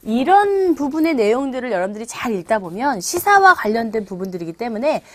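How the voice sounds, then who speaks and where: A middle-aged woman runs an English lesson, chatting with her listeners and coaching them through pronunciation drills. Her voice sits somewhat high and swings widely in pitch. The recording is dry and close. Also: sing-song, fairly quick, fairly bright tone, no room sound. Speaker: English teacher.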